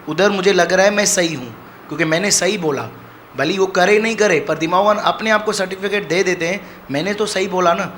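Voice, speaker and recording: A man's voice: high-pitched, fairly bright tone, slight background noise. A man giving earnest, rambling testimony at a devotional gathering in a community hall. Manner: earnest, rambling, repeats a filler phrase. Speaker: devotee sharing experience.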